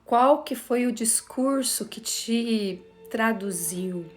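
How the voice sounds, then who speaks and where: Slow, reflective woman lecturing. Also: on the high side, soft background music. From Brazil. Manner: slow, reflective, addresses listeners with questions. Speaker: teacher of a course on systemic motherhood. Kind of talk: spoken lecture to a class.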